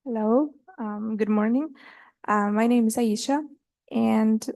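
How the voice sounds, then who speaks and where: Gravelly, mellow-voiced young woman. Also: a little high, takes it slowly, no echo. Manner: careful, with fillers. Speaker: student asking a question. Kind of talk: formal audience question.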